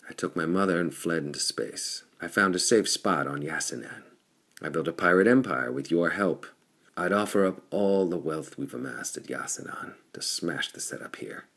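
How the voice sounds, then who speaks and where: A man's voice: low-pitched, moderate pace, fairly bright tone, breathy edge, heavily acted. A man reading the lines of a bold adult male pirate chief who speaks in an earnest, determined way.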